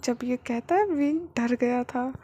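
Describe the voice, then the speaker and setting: A woman's voice: on the high side, measured pace, dark tone, husky. A woman reading a fan story aloud in plain running narration.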